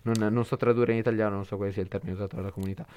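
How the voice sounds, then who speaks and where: A man's voice: lowish voice, steady tone, very fast, clean tone, dull audio. A man co-hosting a podcast, chatting casually about films and making joking asides to the listeners. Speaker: podcast co-host. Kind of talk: casual film chat.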